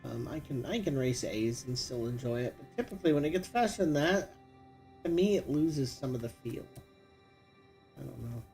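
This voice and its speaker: A middle-aged man chats through his gameplay, rambling and thinking aloud with plenty of fillers. His voice is warm and mellow, with faint game music underneath. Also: mid-range voice, lively intonation, normal speed, creaky. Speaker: gaming streamer. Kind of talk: casual gameplay commentary.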